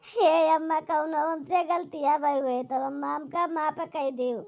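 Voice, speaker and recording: In a cartoon melodrama, a woman voices a guilt-stricken daughter, crying and wailing in a drawn-out lament full of tearful remorse. Her voice is high, steady, gravelly and somewhat dark, carrying an Awadhi accent.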